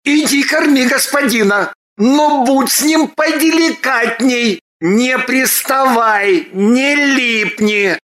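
A woman voicing a loud fussy manservant. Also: high voice, takes it slowly, pitched above the performer's own voice. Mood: fussing. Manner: shouting, fussing. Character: loud, fussy male servant, devoted and excitable.

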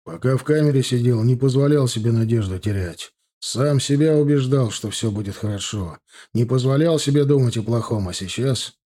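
A weary middle-aged factory director in an audiobook, gloomy and resigned, read by a man. The voice is dark and mellow, with a tired sound. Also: medium pitch, moderate pace, natural voice.

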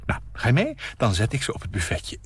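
A man's voice: on the low side, wildly swooping pitch, a little fast, husky, dry recording, pitched above the performer's own voice, full character voice. Man putting on a gushing, fussy housewife. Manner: gushing, fussy, drifting mid-sentence. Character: chatty 42-year-old housewife, gushing. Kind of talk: radio story reading.

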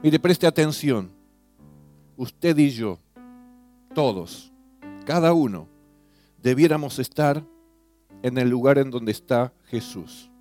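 A man leading a guided devotional meditation, earnestly addressing the listener with questions, his voice swelling on key phrases and falling soft at line ends. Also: medium pitch. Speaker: preacher. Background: soft guitar music.

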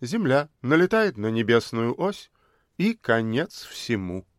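A man voicing an awed bearded professor who muses gravely, in a story reading. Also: mid-range voice, very animated, slow, dry recording, studio quality.

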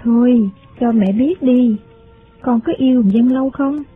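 Male reader doing a fretful, soothing mother in a raised falsetto for a storybook, phone-quality sound. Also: a little slow. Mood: anxious coaxing. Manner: coaxing, anxious, reassuring. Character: worried middle-aged mother, anxious and soothing. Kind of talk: audiobook character voice. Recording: phone-like sound, faint music.

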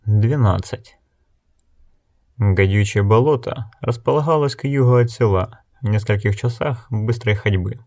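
Brief: male narrator, low voice, steady measured storytelling. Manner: even, measured reading. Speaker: audiobook narrator. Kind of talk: scripted narration.

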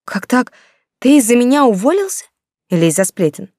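A woman's voice: fairly high pitch, sing-song, a little fast, mellow, no room sound, clean studio sound, voice pushed up. A woman voicing an eager young woman in love. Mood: anxious. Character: young woman in love, anxious then overjoyed. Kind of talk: audiobook dialogue.

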